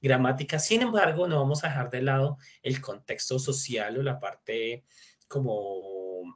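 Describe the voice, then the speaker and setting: A man's voice: medium pitch, unhurried. A man teaching an online English class, chatty and mixing English phrases into his explanations. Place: video call.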